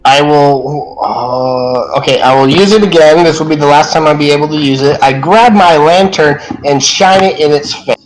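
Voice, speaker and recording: Higher-voiced man, halting player. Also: steady tone, rough recording. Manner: halting, asks rules questions. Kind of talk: tabletop game play.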